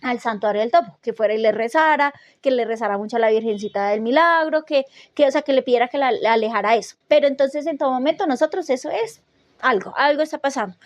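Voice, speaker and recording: A woman telling a frightening personal story in casual podcast talk, animated and full of restarts, acting out her own reactions. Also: high voice, fast, dry recording, lo-fi sound.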